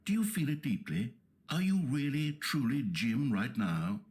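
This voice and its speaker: A man's voice: mid-range voice, very animated, a little slow, a little mellow. A man voicing a wry, all-knowing video game narrator who speaks in a dry, mock-soothing, sardonic way.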